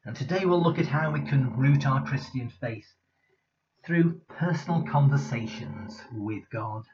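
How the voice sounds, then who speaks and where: A man giving a Sunday sermon, in a measured, conversational way. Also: medium pitch, background noise. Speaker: preacher. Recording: slightly dull lo-fi recording.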